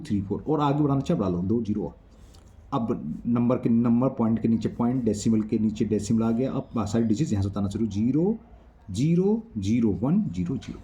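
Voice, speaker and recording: Patient male maths teacher, mellow voice. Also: mid-range voice, a little hiss or hum. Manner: patient, counts digits aloud, checks understanding. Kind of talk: explaining a maths exercise.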